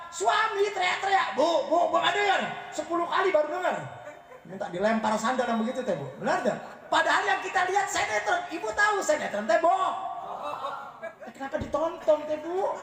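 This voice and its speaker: A man's voice: very high voice, vocal fry, a bit bright, a little hiss or hum. A man preaching a humorous sermon, teasing his audience and often asking them whether he is right. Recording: echoey room, voice from far off the mic.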